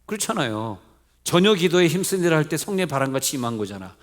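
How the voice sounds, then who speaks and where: A man's voice: on the high side, sing-song, fast talker. Man preaching, questioning and joking. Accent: Seoul Korean. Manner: conversational preaching, asks the congregation questions; mixes polite and plain speech, jokes lightly. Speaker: pastor. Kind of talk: sermon at a midweek service. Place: church sanctuary.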